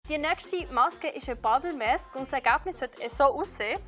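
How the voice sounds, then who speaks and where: A young woman walks through a beauty experiment step by step, chatty and casual. Her voice sits high, and faint music plays underneath. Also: animated, moderate pace, a bit bright. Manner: chatty, explains each step. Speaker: presenter testing beauty masks. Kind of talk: casual how-to presenting.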